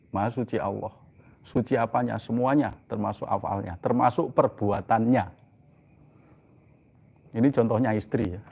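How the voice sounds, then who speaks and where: A man preaching a sermon. He asks rhetorical questions and answers them himself, swinging from loud, emphatic lines to soft, low asides. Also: creaky, slightly rough.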